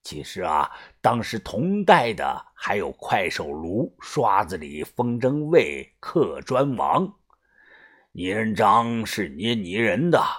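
Male reader as a grave old boss, husky, low and measured, big swings in pitch. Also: heavily acted. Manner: low, slow, hushed and deliberate. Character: weary older male gang boss, grave.

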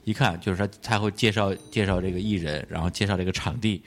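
A man's voice: low-pitched, fairly even intonation, quick pace. A man hosting a casual chat show, bantering in a joking, mock-grandiose way. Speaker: talk show host.

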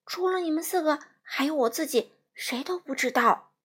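A woman voicing a timid, bald little old man wizard who trembles and pleads in a hushed voice. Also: high voice, moderate pace, voice pushed up.

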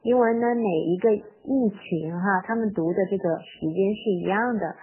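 Woman teaching a nursery rhyme over tinny audio. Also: medium pitch. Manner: explains patiently, reads the English lines slowly and clearly. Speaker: English teacher for parents and toddlers. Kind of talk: recorded phonics lesson on a nursery rhyme.

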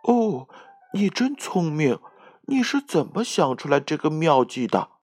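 A man voicing a friendly, admiring hedgehog in a children's storybook tale, pitched higher and full of wonder. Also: big pitch swings, a little slow, a little mellow, soft background music. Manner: admiring, curious.

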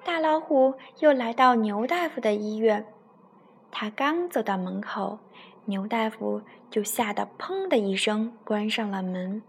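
A woman telling a bedtime story to her child as a mother, in a soft, tender, gentle way, with music playing faintly behind. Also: mid-range voice, unhurried, vocal fry, slight background noise.

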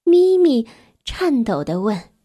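A woman narrating a bedtime story for children in a gentle, soft way, sometimes dropping to a whisper. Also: on the high side, big pitch swings, slow, slightly rough.

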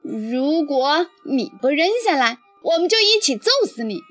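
A woman's voice: high voice, lively intonation, a little fast, fairly bright tone, dry recording, soft background music, pitched above the performer's own voice. A woman voicing a mischievous village boy who blusters and makes threats. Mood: blustering.

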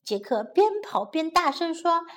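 A woman voicing a bold young boy in a children's storybook, speaking excitedly. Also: extremely high pitch, a little slow, exaggerated voice.

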